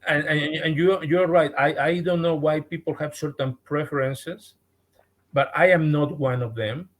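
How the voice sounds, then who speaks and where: A man with a Mexican accent, a guest on a podcast, speaking earnestly and haltingly, often repeating words as he restarts. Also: fairly high pitch, steady tone. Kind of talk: podcast interview.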